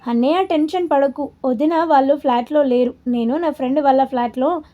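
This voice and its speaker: Woman voicing Pranav, a calm younger brother. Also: extremely high pitch, fairly quick, phone-quality sound. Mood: reassuring. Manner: calm and reassuring.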